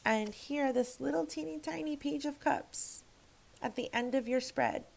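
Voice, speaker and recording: A woman's voice: high-pitched, a little slow, creaky, low-quality recording. A woman giving a casual tarot reading to camera, frank and emphatic, swearing freely and rambling with restarts. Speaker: tarot reader.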